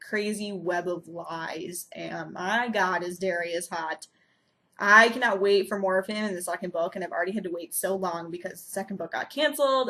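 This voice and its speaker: A woman's voice: fairly low pitch, fairly bright tone. Gushing young woman chatting about books. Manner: gushing, enthusiastic, many ums and likes. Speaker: book vlogger. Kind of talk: casual book chat to camera.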